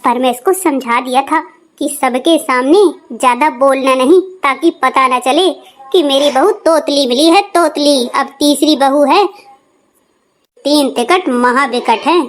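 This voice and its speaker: A woman's voice: high voice, unhurried. A woman voicing a fussy middle-aged cartoon mother-in-law who frets and scolds. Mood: fretful. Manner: fretful, scolding. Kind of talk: cartoon voice acting.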